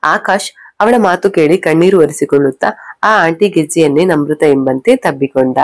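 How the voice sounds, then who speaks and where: A woman reading a scripted story aloud in a steady, measured way, close to the mic. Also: low voice, no room sound. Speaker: narrator.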